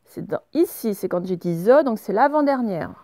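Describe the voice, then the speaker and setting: A woman gives a reading lesson to young children, saying words slowly and clearly and spelling out sounds. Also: medium pitch, expressive, dark tone, no echo. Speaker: teacher.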